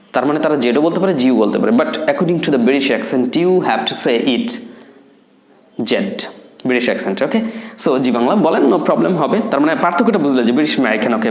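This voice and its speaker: A man's voice: mid-range voice, roomy sound. A man in his thirties from Bangladesh teaching a spoken English lesson, explaining with chatty asides and questions to the viewers. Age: 30s.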